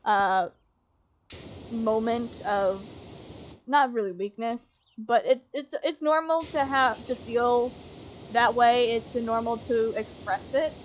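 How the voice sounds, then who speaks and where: A woman's voice: a little high, takes it slowly, a little hiss or hum. A young woman streaming a game, rambling casually, swearing freely and laughing things off. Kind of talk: casual chat while gaming.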